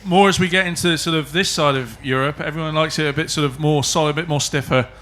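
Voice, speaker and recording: A man co-presenting a live cookery demonstration as a chef, teasing and joking with the audience in a halting way. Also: on the high side, fairly even intonation, a bit bright. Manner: jokey, teasing, halting restarts. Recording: live event with clear background noise.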